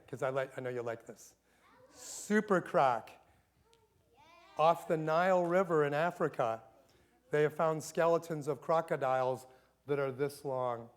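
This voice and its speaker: A middle-aged man speaks at a school chapel in a somewhat high voice. His delivery is playful, with dramatic scripture readings aimed at young kids. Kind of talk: animated Bible talk for kids.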